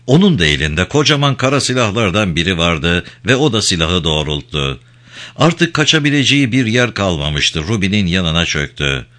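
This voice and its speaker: A man narrating an audiobook with a dramatic, expressive reading. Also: low voice, moderate pace. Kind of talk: scripted narration.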